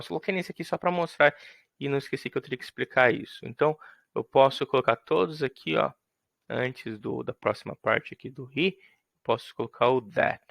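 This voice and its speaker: Explaining grammar to his students, this man keeps things fun by performing little skits for each example. His mid-range voice is gravelly with a fairly bright tone, and the sound carries no echo.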